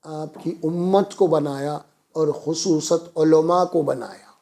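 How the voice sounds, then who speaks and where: A man's voice: fairly high pitch, fairly even intonation, mellow. A man preaching a Quran lesson, explaining verses and raising his voice for emphasis. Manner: preaching with rising emphasis, chanting Arabic verses.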